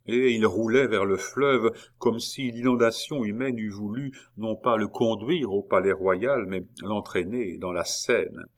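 A man reading a historical novel aloud in a measured, dramatic narration. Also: lowish voice. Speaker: audiobook narrator. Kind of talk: scripted narration.

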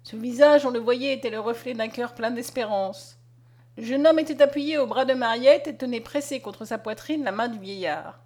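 A woman narrating a classic novel aloud in a steady, measured reading voice. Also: fairly high pitch. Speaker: audiobook reader. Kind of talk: storytelling narration.

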